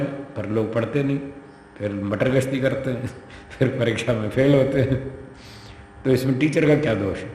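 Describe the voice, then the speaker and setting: A man's voice: mid-range voice, darkish tone. A man gives a scripture lecture as a spiritual teacher, talking it through conversationally and acting out the dialogue. His voice rings around a large hall, with a long reverb tail. Faint background noise sits underneath. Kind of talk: lecture explaining a scripture to students.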